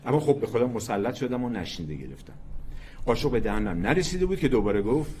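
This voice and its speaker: A man reading a short story aloud in a dramatic, expressive narration. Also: medium pitch, background noise. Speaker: story reader. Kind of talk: scripted narration.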